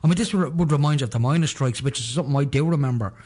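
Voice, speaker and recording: A man's voice: mid-range voice, rapid-fire, a little mellow, breathy edge. A man with a Dublin accent hosting a radio talk show, chatting casually in a rambling way with lots of fillers. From Ireland. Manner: rambling, conversational, many fillers.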